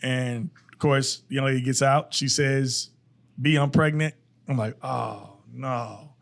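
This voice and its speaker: Young adult man, podcast co-host, mid-pitched voice, calm and reflective in casual talk. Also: a little slow. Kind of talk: casual chat.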